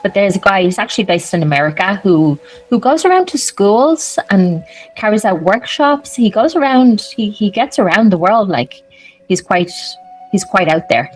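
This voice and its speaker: A woman from Ireland co-hosting a casual spiritual podcast chat, a calm listener who often murmurs agreement. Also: medium pitch, normal speed, soft background music, low-quality recording. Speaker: podcast co-host.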